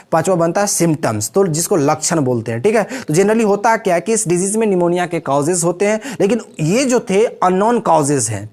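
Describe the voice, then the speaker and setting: Man teaching vocabulary, step by step. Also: high voice. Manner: explains step by step, with frequent "theek hai" check-ins. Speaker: English teacher. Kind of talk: vocabulary lesson.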